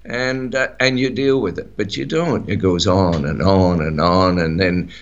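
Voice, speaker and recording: Australian man, middle-aged, low voice, rambling radio chat, muffled lo-fi sound. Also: measured pace. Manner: rambling, many fillers and restarts. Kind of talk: casual talk radio chat.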